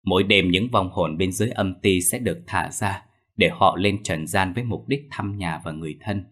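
A man reads a scripted ghost story in a steady, measured way. His voice is very deep with a husky grain. The telling stays even from line to line. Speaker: narrator.

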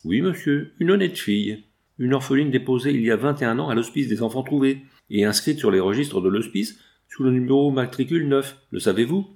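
A man's voice: mid-range voice, expressive, fairly quick, vocal fry, darkish tone, voice pushed up. Man reading as a torn young fiancé. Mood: indignant. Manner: earnest and anguished.

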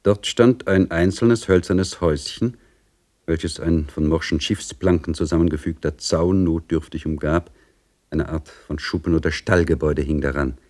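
A man reading a classic novel aloud in measured scripted narration, dropping low and soft for suspense. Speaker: audiobook reader.

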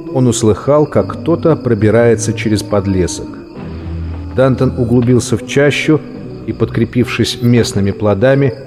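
A man reads a story in a measured, expressive voice of middle pitch. Long reverb trails his words. Soft music and crickets play under the narration. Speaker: audiobook narrator. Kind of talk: scripted narration.

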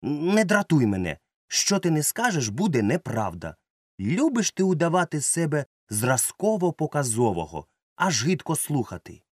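A man's voice: lowish voice, sing-song, measured pace, no echo, clean studio sound. A man doing a cocky, mocking village boy. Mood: scornful. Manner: blunt and mocking. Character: cocky, scornful village schoolboy, gang leader.

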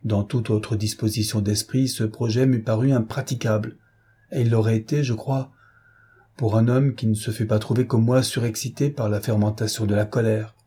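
A man voicing a fierce, wrathful sea captain recounting his ordeal in a measured, intense first-person telling. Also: lowish voice, fairly even intonation, warm tone, breathy edge. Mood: grim.

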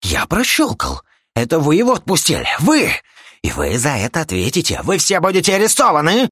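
A husky, high-pitched hothead, played by a male audiobook reader, splutters and shouts in slurred outrage. His pitch leaps wildly from line to line. The sound is close and dry. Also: big pitch swings, very slow, no echo, full character voice. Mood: furious. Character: hot-tempered man, jaw knocked askew, yelling. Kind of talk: audiobook character voice.

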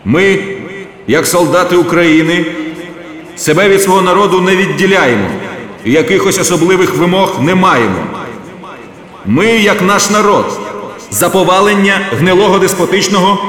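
A solemn rebel colonel, as a male reader acts him out, speaking in declamatory, rallying phrases. The voice sits high and carries. It rings in a roomy space with long reverb. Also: normal speed, long pauses, a bit bright.

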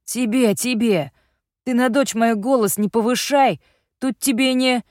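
A woman voicing a hoarse, wheezing, injured father who is desperate, in an audiobook reading. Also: mid-range voice, slow, a little mellow, dry recording, clean studio sound. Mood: defiant.

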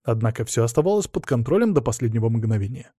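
A man's voice: medium pitch, very animated, fast, mellow, breathy edge, no room sound. A man narrating a first-person fantasy audiobook in a wry, ironic manner, read close to the mic.

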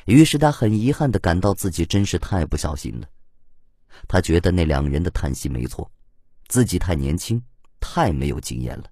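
A man narrating an audiobook in an expressive storytelling manner on a close mic. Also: sits low, moderate pace, no echo. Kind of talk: scripted narration.

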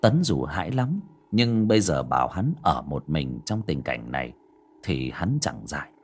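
A man reading a horror story aloud in a dramatic, expressive way. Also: very deep voice, normal speed, breathy edge, faint music behind. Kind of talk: scripted horror narration.

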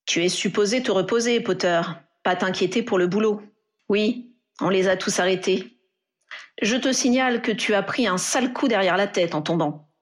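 A woman voicing an easygoing, fatherly male colleague, relaxed and friendly. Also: mid-range voice, moderate pace, lightly acted.

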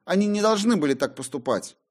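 A man doing a stern, reproachful pious mother. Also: animated. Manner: high, quick, reproachful. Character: stern pious middle-aged mother, disapproving.

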